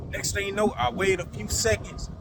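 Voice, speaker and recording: A man telling a personal story to his viewers in a casual, animated way, full of fillers and swearing, acting out the sounds. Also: high voice, normal speed, vocal fry, noisy background.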